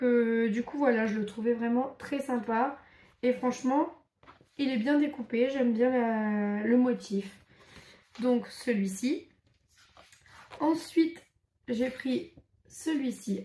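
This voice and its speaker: A woman's voice: fairly high pitch, a little mellow. A woman casually showing craft papers to camera, chatty and enthusiastic, with many fillers. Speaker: crafts vlogger. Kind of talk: casual show-and-tell. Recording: echoey room.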